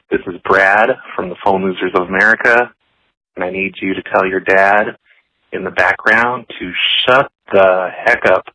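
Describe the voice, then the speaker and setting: A man's voice: sits low, sharp tone, no room sound. A man leaving a playful, mock-stern voicemail message over a phone line. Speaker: prank caller leaving a voicemail.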